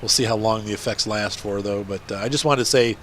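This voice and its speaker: A man's voice: lowish voice, fairly quick, a bit bright, a little hiss or hum. A man with a congested, blocked-up nose giving casual, rambling gameplay commentary as a video host. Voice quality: congested, blocked nose, nasal stuffy sound.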